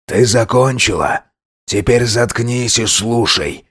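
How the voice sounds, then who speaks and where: A man voicing a domineering older father in an audiobook, slow, cold and contemptuous. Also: medium pitch, a bit bright, husky. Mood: scornful. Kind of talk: audiobook character voice.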